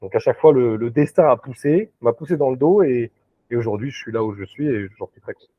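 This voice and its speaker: A man's voice: medium pitch, quick pace, breathy edge, dry recording. Man on a dry, tinny video call. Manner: hesitant, many fillers and restarts. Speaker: recruiter, interview guest. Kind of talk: casual interview chat.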